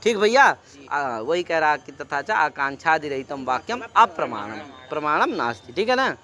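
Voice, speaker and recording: Bright, high-voiced man teaching a class. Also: big pitch swings, normal speed. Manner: quizzing students with repeated questions; mixes Sanskrit recitation with Hindi explanation. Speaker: Sanskrit teacher. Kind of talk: classroom lecture.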